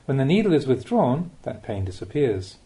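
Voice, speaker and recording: This is a man, a Buddhist monk, reading a prepared spiritual teaching as an audiobook with careful, measured phrasing and rhetorical questions. His voice is mid-range, sing-song, and warm.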